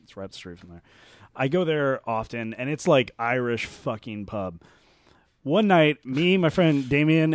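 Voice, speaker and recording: A man casually telling funny convention stories with lively, self-deprecating asides. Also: medium pitch, dry recording, studio quality. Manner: animated storyteller, self-deprecating, swears casually. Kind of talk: casual chat.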